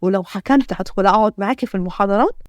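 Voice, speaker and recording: Woman acting out possessive older husband, Egyptian accent, commanding, fast-talking, dry recording. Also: mid-range voice, no echo, voice pushed down, lightly acted. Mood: stern. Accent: Egyptian Arabic. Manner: stern, commanding.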